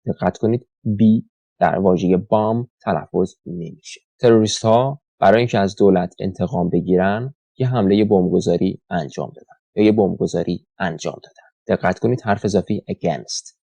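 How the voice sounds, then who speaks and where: Male teacher, low mellow voice. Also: no room sound. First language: Persian. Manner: explains in Persian, reads English examples slowly and deliberately. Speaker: English teacher. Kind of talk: vocabulary lesson.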